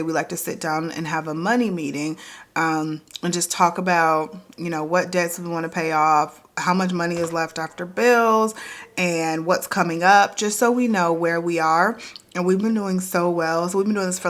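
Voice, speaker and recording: A woman's voice: on the low side, steady tone, normal speed. A woman, chatting upbeat to camera at her kitchen table in a casual vlog, repeating herself as she goes. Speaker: vlogger.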